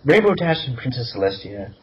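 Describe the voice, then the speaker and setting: Man narrating a fanfic with lively pitch. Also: a little fast. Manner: giggly, breaks up laughing. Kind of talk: amateur fan reading. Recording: muffled lo-fi with faint hiss.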